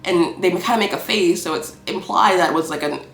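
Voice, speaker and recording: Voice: medium pitch, a little fast, gravelly, a bit bright. Casual, petty movie reviewer in an echoey room. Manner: rambling, cursing, playfully petty. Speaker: film reviewer.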